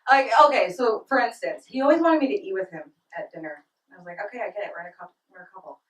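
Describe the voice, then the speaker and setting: A woman's voice: medium pitch, very animated, fast talker. Giggly young woman doing stand-up. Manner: giggly, breaks into laughter mid-line. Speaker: stand-up comedian. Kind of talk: stand-up comedy set. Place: small comedy club stage. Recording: roomy club sound from a distant mic.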